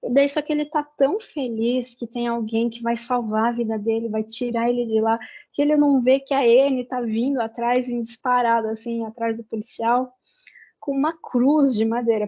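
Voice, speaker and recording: A Brazilian Portuguese-accented woman chats her way through a book review with a fairly high voice. She retells the plot loosely, piling on fillers and restarting her sentences as she goes. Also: a little mellow, highs cut off. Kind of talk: casual book review chat.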